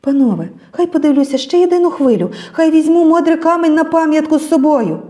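A woman voicing a young village girl, gentle and steadfast, pleading slowly and earnestly. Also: sits high, lively intonation, pitched above the performer's own voice.

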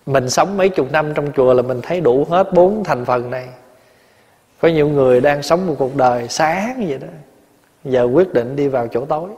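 A man in his forties with a Southern Vietnamese accent giving a dharma talk in a temple hall, telling stories in a lively way and often laughing. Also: a little high, moderate pace. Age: 40s. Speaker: Buddhist monk and abbot. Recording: long hall reverb.

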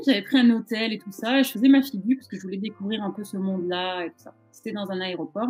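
A woman's voice: medium pitch, darkish tone, slightly rough. Woman, young adult, informal interview chat, self-deprecating, faint background music. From southern France. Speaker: interviewed actress. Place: indoor room at home, video call. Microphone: video call microphone.

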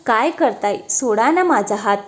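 A bashful new bride in a read-aloud love story, as a woman narrator voices her. She protests softly and shyly, in a slightly raised voice. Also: on the high side, expressive, unhurried. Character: shy newly married young wife.

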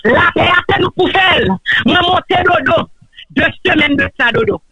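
A woman, pleading passionately in an emotional live-stream rant and at times shouting. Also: extremely high pitch, animated, measured pace, a crowd in the background, rough recording.

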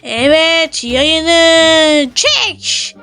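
A young woman voicing a stern male shooting-range teacher in a Minecraft role-play, giving slow, bossy commands. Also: very high voice, animated, pushed and bright, pitched below the performer's own voice, full character voice.

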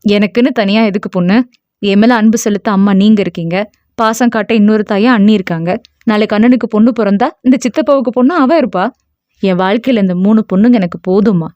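A woman voicing a calm, stubborn young man in an audio novel, soothing yet dismissive toward his mother. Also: mid-range voice, fast talker, no room sound, muffled recording, close to an everyday voice.

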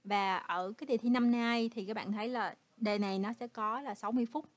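A Vietnamese-speaking woman teaches English, patiently working through an exam one question at a time. Her voice sits a little high. It is recorded close and dry, with no room sound. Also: steady tone, brisk, no room sound. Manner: patient, explains step by step, ends phrases with "ha". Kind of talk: exam walkthrough lesson.

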